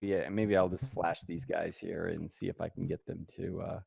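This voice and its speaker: A man co-casting a tank game match over voice chat, easygoing and quick to laugh. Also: deep voice, little pitch movement, vocal fry, a little mellow, husky, dry recording. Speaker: co-caster. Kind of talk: esports commentary.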